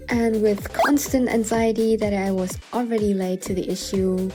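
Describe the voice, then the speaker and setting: A woman narrating a scripted personal story as a voice-over, with wry, self-deprecating and dramatic asides. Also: medium pitch. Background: music behind the voice.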